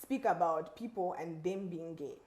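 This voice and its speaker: A woman's voice: on the low side, normal speed, mellow. A woman with a Zambian accent interviewing casually, with probing, teasing questions. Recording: roomy, echoing sound.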